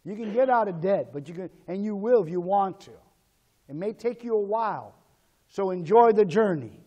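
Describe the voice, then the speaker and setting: A male pastor preaching a sermon in call-and-response style, swinging between shouted calls and low asides. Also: expressive, moderate pace, long reverb tail, muffled recording.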